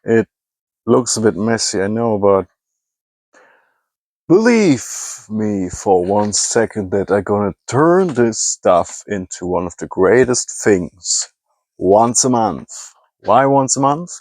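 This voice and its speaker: A German man with a fairly low, slightly mellow voice speaks English as a second language, his German accent clear. He's a scrapping hobbyist rambling through a casual vlog, animated but slow, frequently pausing to hunt for words and correcting himself. The recording is dry.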